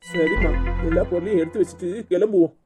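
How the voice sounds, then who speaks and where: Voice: mid-range voice, fairly even intonation, fast, over music, close to an everyday voice. Someone voicing an earnest young husband. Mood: soothing. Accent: Tirunelveli Tamil. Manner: soothing, earnest, indignant at the mother-in-law. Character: troubled young husband, gentle and devoted son-in-law. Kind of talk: cartoon serial dialogue.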